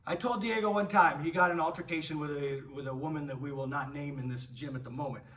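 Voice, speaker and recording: Bright-voiced coach speaking from across the gym. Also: male voice, medium pitch, fast talker. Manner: animated, emphatic, swears freely. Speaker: martial arts coach. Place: martial arts gym, indoors. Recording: distant voice with faint room noise.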